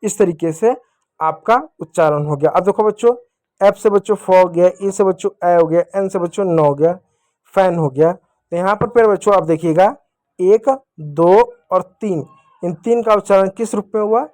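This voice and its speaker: A man's voice: high voice, normal speed, a little mellow, no echo. A man with a Hindi accent teaching young children a phonics lesson, patient and repetitive, asking questions and answering them himself. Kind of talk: classroom lesson.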